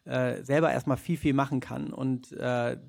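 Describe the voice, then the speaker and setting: A man's voice: mid-range voice, flat delivery, normal speed, creaky, darkish tone. A man speaking as a podcast guest, hesitant, with many filler sounds and restarts. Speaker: podcast guest, head of a nonprofit. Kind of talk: podcast conversation.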